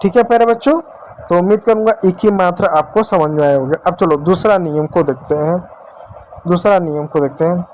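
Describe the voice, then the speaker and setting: A man's voice: high voice, a little fast, a little mellow, slight background noise, poor audio. A man teaching English spelling and phonics in Hindi, asking questions and answering them himself, repeating each step and calling his viewers dear children.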